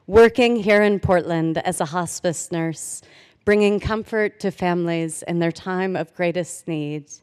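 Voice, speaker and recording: Standing at the podium mic on stage in a big hall, a woman in her 40s delivers a formal commencement address. Her voice is smooth, resonant, lowish and a bit dark in tone, earnest and measured with a dry, light wit. The recording carries a long, reverberant auditorium echo.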